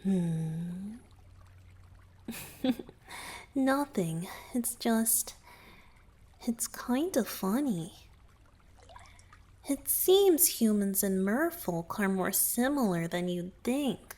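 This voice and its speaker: In a romantic ASMR roleplay, a woman voices a young merman boyfriend who is gentle and playful, speaking softly and breathily, often close to a whisper, with tender, light teasing. Her medium-pitched voice is expressive and very slow, with frequent pauses. The mood feels wistful and curious.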